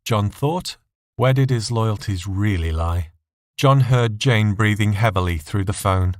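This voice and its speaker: A man reading scripted narration of a dark audio story as its narrator. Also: fairly low pitch, unhurried, dry recording, studio quality.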